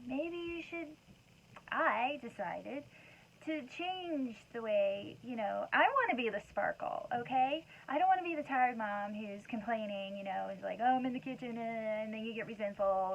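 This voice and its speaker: This mother hosts a wellness talk, rambling casually through motivational points and conversational asides. She speaks at a fairly high pitch with vocal fry, captured in dull lo-fi audio carrying faint background noise.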